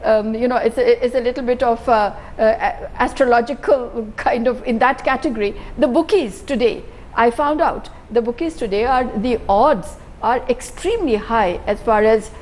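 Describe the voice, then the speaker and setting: An Indian woman speaks as a panelist on a televised political debate. Her voice is a little high, and she talks hesitantly, stopping and restarting. A faint hum of noise sits behind her. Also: moderate pace, a little mellow. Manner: hesitant, many fillers and restarts. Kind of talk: debate commentary.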